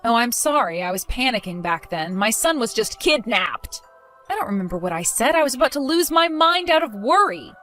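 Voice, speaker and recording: A protective young mother, voiced by a woman in a dramatized story, cutting and sarcastic, her high voice leaping with scorn. Faint music runs underneath. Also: very animated, fairly quick, bright, forceful tone. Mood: accusing. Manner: accusing, sarcastic.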